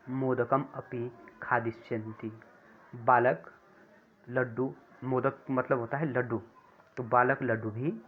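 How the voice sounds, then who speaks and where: A man teaching a grammar lesson to children, speaking slowly, repeating words and correcting himself as he goes. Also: medium pitch. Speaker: Sanskrit teacher. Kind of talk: classroom lesson explaining grammar. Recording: tinny phone-like sound.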